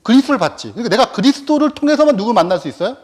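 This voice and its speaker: A man teaches Scripture in a lecture, firing off rhetorical questions and answering them himself. His voice is high, husky and full of rise and fall. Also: sing-song, rapid-fire. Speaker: Bible teacher. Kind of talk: Bible study lecture.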